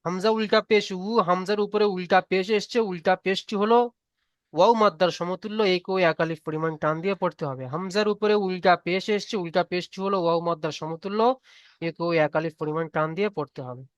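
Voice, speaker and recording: A man's voice: sits high, fairly even intonation, quick pace, clear, resonant tone, no echo. A man teaching Quran reading rules in a live online class, patiently repeating each rule and asking students to recite. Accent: Bengali.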